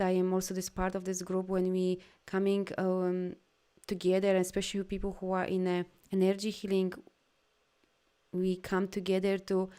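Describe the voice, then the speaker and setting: A Polish woman who works as an energy healer and coach hosts a live video, answering viewer comments. Her voice is warm, clear and resonant, and she speaks in a heartfelt, affirming way, rising in pitch and volume when she gets emphatic.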